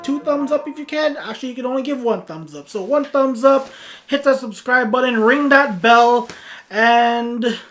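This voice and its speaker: A woman in her twenties telling a comic story on her vlog, self-mocking and dramatic, dropping to mumbles and rising to loud outbursts. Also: on the high side. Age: 20s. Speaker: vlogger.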